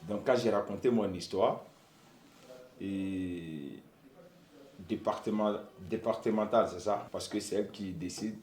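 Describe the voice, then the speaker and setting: A man, haltingly recounting his life in a personal testimony. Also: on the low side, darkish tone. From Côte d'Ivoire. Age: 20s. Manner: halting, searching for words. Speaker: young interviewee. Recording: roomy echo.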